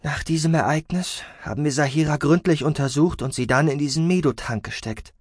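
A man's voice: fairly high pitch, a little fast, dry recording, studio quality, pitched above the performer's own voice, natural voice. Worried female medic, as a man puts her on. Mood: urgent. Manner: concerned, urgent.

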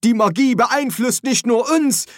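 A man's voice: extremely high pitch, lively intonation, measured pace, a bit bright, no room sound, studio quality, pitched above the performer's own voice, full character voice. A man voicing a harried young male wizard, anxious and sarcastic, his voice raised and strained. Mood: panicked.

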